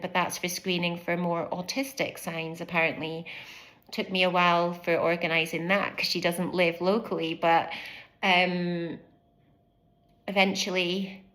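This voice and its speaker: Bright-voiced British woman in her fifties. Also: on the low side. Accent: British English. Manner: candid, animated, acts out quoted speech; fidgets and moves while speaking. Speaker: former family doctor sharing her story. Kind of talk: personal vlog storytelling to camera.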